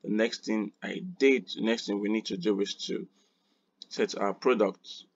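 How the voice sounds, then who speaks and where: Man, software tutorial host, unhurried, thinking aloud, muttered asides, dull lo-fi recording. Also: on the low side, steady tone, no room sound.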